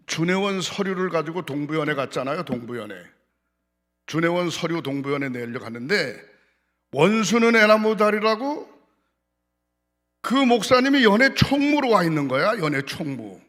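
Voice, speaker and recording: Older man, pastor, sermon, slightly high voice, blunt, folksy, colloquial, church. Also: moderate pace. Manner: colloquial and lively. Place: church sanctuary.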